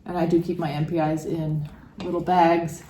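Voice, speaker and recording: An older woman with a lowish voice talks through her craft projects in an easy, chatty way. She explains her process thoughtfully, sometimes pausing to find the right words. Her voice carries the echo of a roomy space. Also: flat delivery, dark tone, slight background noise. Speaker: co-host. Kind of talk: casual craft chat. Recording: echoey room.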